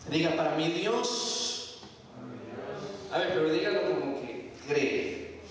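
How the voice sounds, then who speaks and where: A Mexican-born man in his thirties with Salvadoran parents preaches a sermon, sharing testimony and having the congregation repeat after him. His fairly high voice is animated but slow. It's recorded from far off in an echoey hall, with a crowd in the background.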